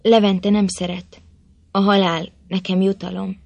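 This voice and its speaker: A woman's voice: mid-range voice, level tone, creaky, darkish tone, no room sound, muffled recording. A woman voicing a heartbroken young woman feared as a witch, bitter and resigned, in a storybook reading.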